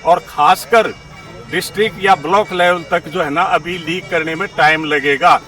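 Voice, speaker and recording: A man's voice: fairly high pitch, fairly even intonation, moderate pace, pushed and bright, faint music behind. A man, explaining his opinions in a street interview, peppering his speech with English terms and a repeated filler phrase. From India. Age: 70s. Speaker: interviewee giving political opinions. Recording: distant mic, outdoor street recording.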